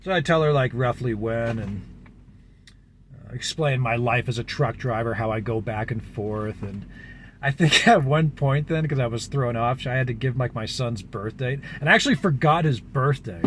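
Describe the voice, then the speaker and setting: A man's voice: medium pitch, normal speed, slight background noise. A man, a vlogger from the United States, telling a long story in a casual, rambling way, full of fillers. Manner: rambling, filler-heavy, animated retelling.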